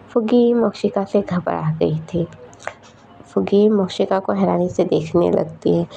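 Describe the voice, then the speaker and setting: A woman narrates a fanfiction story in a chatty, casual tone, often dropping in fillers. Her voice is gravelly and mellow. The recording sounds dull, with faint background noise. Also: mid-range voice. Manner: chatty, uses fillers like "like" and "matlab".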